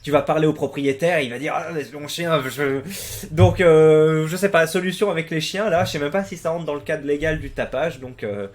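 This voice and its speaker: A young man from France riffs on viewer stories in a loose, offhand way, full of fillers and restarts. His talk is crude and slangy. When he tells his own stories he breaks into loud, animated bursts. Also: on the high side, normal speed. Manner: rambling, hesitant with frequent fillers and restarts; crude slang, swears freely. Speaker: YouTube host reading viewer posts. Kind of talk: casual commentary on forum posts.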